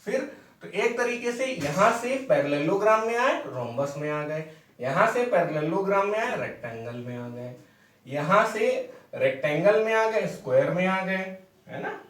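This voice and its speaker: Young guy maths teacher, high voice, explaining step by step, roomy echo, a bit far off mic. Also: big pitch swings, moderate pace, fairly bright tone. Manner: explains step by step, asks "ठीक है?" often. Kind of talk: classroom lecture at a board. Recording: echoey room, mic away from speaker.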